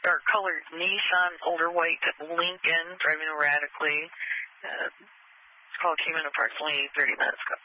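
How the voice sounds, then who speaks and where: Man dispatcher over police radio, high voice, muffled lo-fi sound, halting delivery. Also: little pitch movement, no room sound. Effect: police radio transmission.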